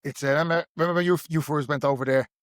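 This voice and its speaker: An Irish man chatting on a podcast, relaxed and conversational. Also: a little high, very fast, dry recording, studio quality. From Ireland. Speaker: podcast co-host. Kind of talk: casual chat.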